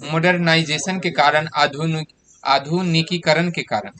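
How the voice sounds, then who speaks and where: Speaking at a measured pace, a man in his 30s teaches a class, quizzing students as he works through exam answers step by step. He has a fairly high pitch, fairly even intonation and a sharp tone.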